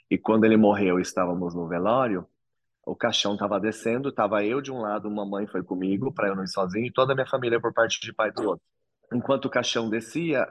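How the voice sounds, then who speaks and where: A man's voice: lowish voice, no echo. A man, telling his own story to an interviewer in an earnest, reflective way. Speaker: interview guest. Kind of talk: personal testimony in an interview.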